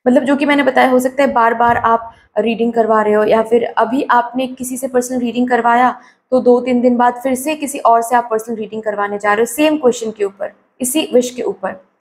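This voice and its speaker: A woman with a slightly hoarse, sore throat giving a tarot reading to her viewers, advising them and often checking "okay?" while mixing in English phrases. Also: fairly high pitch, steady tone, a little fast, a little hiss or hum. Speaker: tarot card reader.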